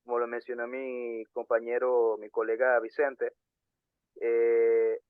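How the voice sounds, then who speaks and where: A man's voice: mid-range voice, monotone, clean tone, dry recording. Young man, thin tinny sound. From Panama. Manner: earnest, halting with frequent fillers and restarts. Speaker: podcast co-host. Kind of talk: casual discussion podcast.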